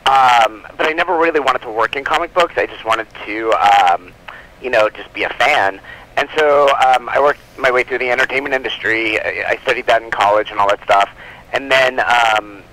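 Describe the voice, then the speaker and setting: His mid-range voice sounds sharp and moves at a normal speed as this comic book publisher talks as an interview guest. The phone call is noisy, and his casual, rambling answers are full of filler words such as "like" and "you know."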